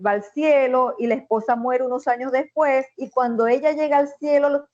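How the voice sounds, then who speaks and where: A woman telling a personal story in a casual conversation, with many restarts and pauses, over a video call. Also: high-pitched, steady tone, darkish tone, dry recording, lo-fi sound. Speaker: guest. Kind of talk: casual chat.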